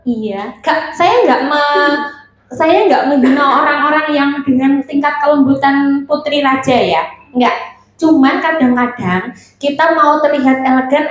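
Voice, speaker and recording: A woman with a Javanese accent giving a playful seminar talk on communication, teasing her audience. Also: high voice. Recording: echoey hall.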